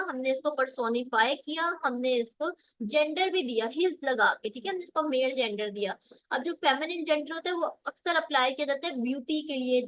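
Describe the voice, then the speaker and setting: A woman with a Pakistani accent giving an online grammar lecture, explaining step by step and reading English examples slowly. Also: high voice, dry recording, lo-fi sound. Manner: explains step by step, reads English examples slowly, often checks "theek hai". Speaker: teacher. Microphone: dull dry lo-fi mic on a video call.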